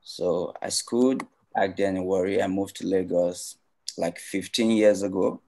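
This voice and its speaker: A man with a Nigerian accent, a video director recounting his career in a relaxed, conversational way over a video call. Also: deep voice, a little slow, creaky. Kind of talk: casual interview answers.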